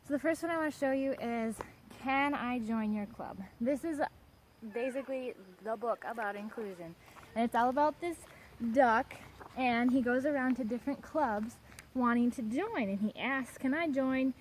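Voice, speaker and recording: A woman's voice: on the high side, moderate pace, slight background noise, poor audio. A woman presenting children's picture books in a casual review, retelling the stories with brief character voices.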